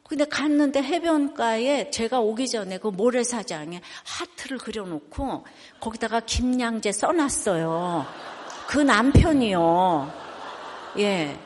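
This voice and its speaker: A woman's voice: high-pitched, slight background noise. Older woman pastor preaching in a reverberant hall. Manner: chatty storytelling, asks the congregation questions. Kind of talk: sermon. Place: church sanctuary.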